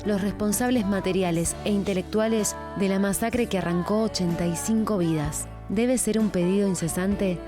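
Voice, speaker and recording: Woman reading a news piece, solemn and firm, music clearly under her. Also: medium pitch, moderate pace. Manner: solemn, declarative. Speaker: news narrator. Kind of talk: scripted news narration.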